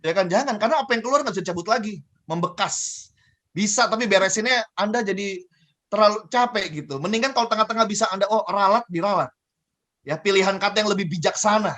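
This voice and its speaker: A man giving a lively coaching talk on communication, asking and answering his own questions and repeating key phrases. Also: high voice, fast. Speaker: guest speaker on communication.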